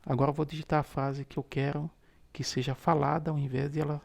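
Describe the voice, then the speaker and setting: A man's voice: a little high, level tone, fast, creaky, darkish tone. A man hosting a step-by-step tutorial on using a phone screen reader, patiently explaining each gesture aloud. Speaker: tutorial host.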